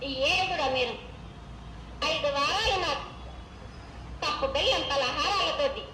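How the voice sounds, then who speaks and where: A woman's voice: high-pitched, unhurried. A woman with a Telangana accent proclaiming a ritual prophecy in a trance voice, as an oracle speaking for a goddess. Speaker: oracle at a temple festival. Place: crowded temple festival. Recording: echoey, noisy public festival sound.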